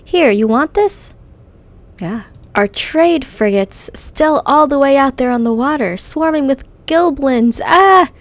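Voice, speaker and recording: A woman voicing a loud, excitable, greedy male goblin explosives man, reading quest text aloud in character. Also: high voice, dry recording, voice pushed up. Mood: eager. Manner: brash, fast-talking, greedy.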